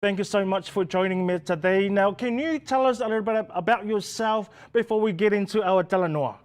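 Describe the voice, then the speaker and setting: Male talk-show host, New Zealand Pacific accent, high-pitched, measured scripted welcomes. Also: smooth. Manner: formal, welcoming, scripted-sounding intros. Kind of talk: community health talk show hosting.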